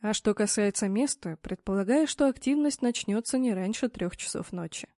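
Woman doing stern know-it-all guy in an audiobook, calm lecturing, dry close sound. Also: medium pitch, moderate pace, no echo, close to an everyday voice. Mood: instructive. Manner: calm, instructive, admonishing. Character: stern, knowing man guiding a ritual.

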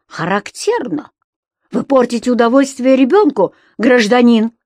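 A woman reading an audiobook and voicing a touchy former house-committee chairman who squeals in a ringing falsetto, sneering and clipped. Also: moderate pace, darkish tone, no room sound, clean studio sound, close to an everyday voice. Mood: indignant shrill.

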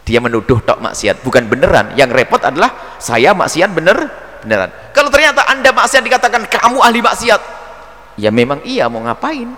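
Lively preacher man in echoing hall. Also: high-pitched, fairly quick. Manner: lively, acts out dialogue, playful asides. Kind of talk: religious lecture. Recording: long reverb hall.

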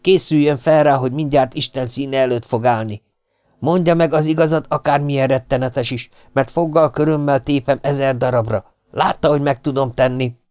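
A man's voice: medium pitch, lively intonation, darkish tone, no echo, clean studio sound, close to an everyday voice. A man voicing a grim, vengeful ape-man who speaks in a stern, cold, threatening way.

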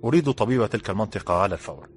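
A man's voice: lowish voice, racing, soft background music, close to an everyday voice. A man voicing a stern commanding ruler. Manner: formal, authoritative.

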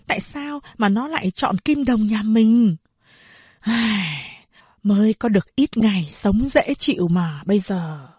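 A woman's voice: medium pitch, lively intonation, a little slow, darkish tone, slightly rough, no echo. A woman voicing an older mother who grieves and pleads over her sick son. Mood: worried. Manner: wailing, pleading.

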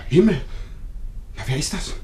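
An actor playing a fussy, overly polite village visitor in a radio play, effusive and rambling. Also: male voice, moderate pace, warm tone, natural voice. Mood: apologetic.

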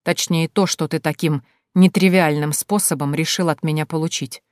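A woman voicing a stern, powerful man with a low hoarse voice in an audiobook. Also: steady tone, normal speed, a little mellow, no echo, studio quality, lightly acted.

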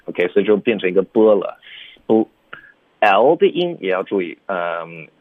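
Man, radio English teacher, low voice, thin phone-like dry sound, patient step-by-step explanations. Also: big pitch swings, moderate pace, no room sound. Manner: explains pronunciation step by step, says OK often.

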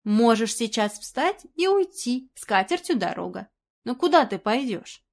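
A composed woman sleuth who keeps her voice low and her words firm, as a woman reads her in a storybook. She sounds steady and in control. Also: measured pace. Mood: pressing.

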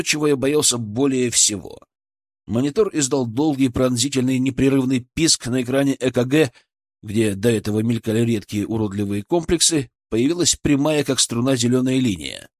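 A man's voice: medium pitch, moderate pace, darkish tone, dry recording, studio quality. A man reading a fantasy audiobook aloud in tense first-person narration. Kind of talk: scripted narration.

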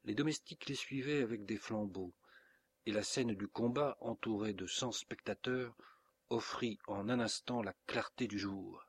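A man with a French accent reading a classic novel aloud as an audiobook narrator, steady and measured. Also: fairly low pitch, husky.

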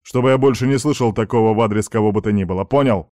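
A man's voice: fairly low pitch, quick pace, warm tone, no echo, clean studio sound, natural voice. Man reading a stern lecturing father. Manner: firm, reproachful. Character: stern middle-aged father, lecturing son.

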